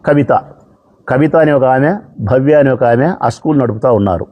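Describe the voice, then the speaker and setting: A man's voice: mid-range voice, normal speed, muffled recording. A man speaking as a politician, addressing the press in an impassioned, repetitive way. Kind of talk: public speech to press.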